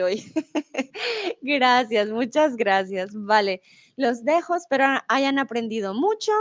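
A woman teaching Spanish on a casual livestream, reading viewers' comments aloud, laughing often and trying out foreign words with hesitation. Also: a little high.

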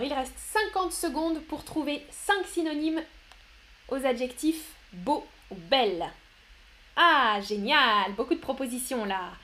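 A woman's voice: a little high, fairly bright tone, a little hiss or hum. A young woman teaching a live online vocabulary lesson, reading out students' chat answers and explaining them. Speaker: French teacher.

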